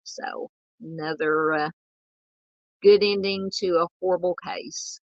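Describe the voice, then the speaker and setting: A woman from the American South hosting a true crime livestream, talking casually and haltingly with lots of ums and uhs while she reads chat. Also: on the low side, steady tone, creaky, no echo, dull audio.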